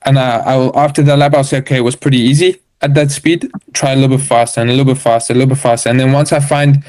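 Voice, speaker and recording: A man's voice: mid-range voice, steady tone, very fast, a little mellow. A man with a South African accent, a motocross racer explaining things step by step in a casual podcast interview. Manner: matter-of-fact, explains step by step.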